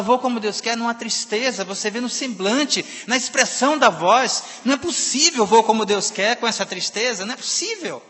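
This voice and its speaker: A man preaching a sermon in a church, emphatic, swinging between loud and soft passages. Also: sits high. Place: church sanctuary. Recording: long reverb of a church hall.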